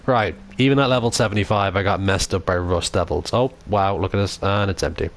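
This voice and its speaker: This Irish gamer from Dublin, young and low-voiced, talks a little fast while livestreaming his play. He rambles casually, swears a lot, and reads out and responds to messages from chat.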